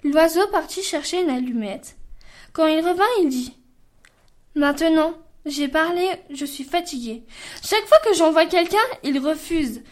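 A woman, a student reader, reading a folk tale aloud with an expressive voice. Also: high voice, measured pace.

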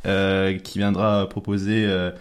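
A young man talking on the radio about events at a concert venue, laid-back and halting, and he laughs easily. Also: low voice, level tone, smooth. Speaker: youth outreach volunteer at a concert venue. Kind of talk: casual radio chat.

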